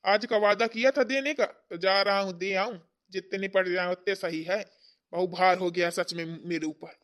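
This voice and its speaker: A man's voice: sits high, steady tone, moderate pace, fairly bright tone. Man playing a worried debt-ridden father. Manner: anxious, sighing. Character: worried indebted father-in-law, husband. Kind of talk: cartoon voice acting.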